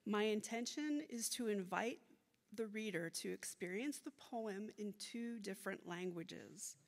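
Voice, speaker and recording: An American woman gives a slow, deliberate poetry reading, with American-accented Spanish mixed into her English. Her voice has a creaky edge. It carries through a hall with long reverb. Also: medium pitch. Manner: slow, deliberate delivery with careful non-native Spanish. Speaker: poet reading own work. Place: auditorium stage at a podium.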